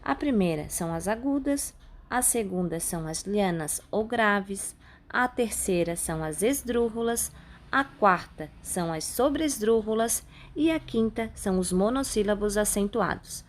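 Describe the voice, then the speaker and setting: A woman teacher with a Brazilian Portuguese accent, patiently explaining a grammar lesson step by step and slowing down on key words. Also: mid-range voice, expressive, slight background noise. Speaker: Spanish teacher. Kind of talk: recorded online class.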